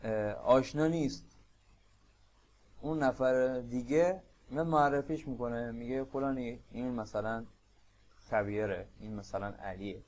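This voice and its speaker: A Persian-accented man teaching a beginner language lesson, explaining patiently and repeating phrases slowly. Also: mid-range voice, a little mellow, slight background noise. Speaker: Spanish teacher.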